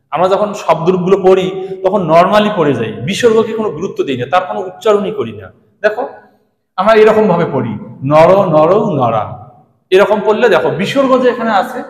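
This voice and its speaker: A man teaching Sanskrit grammar in speech, patiently repeating examples and speaking directly to his students. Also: high voice. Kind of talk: classroom grammar lesson. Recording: echoey room with long reverb.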